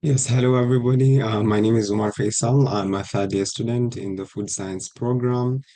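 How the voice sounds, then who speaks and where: A man's voice: medium pitch, fairly even intonation, moderate pace, warm tone. A man in his twenties from Kenya, a student on a panel who answers hesitantly with fillers. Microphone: video call.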